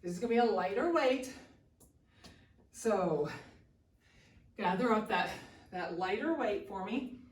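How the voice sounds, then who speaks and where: A woman leads a workout as an aerobics instructor, calling out short, encouraging commands and counts. Her mid-range voice is animated yet unhurried, with long pauses between cues. The sound is roomy and echoey, and she's distant from the mic.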